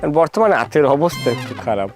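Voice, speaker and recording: An actor playing a comic village suitor who speaks in mock-formal, boastful phrases, with a rural Bangladeshi Bengali accent. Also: male voice, fairly high pitch, big pitch swings, quick pace, darkish tone, faint music behind.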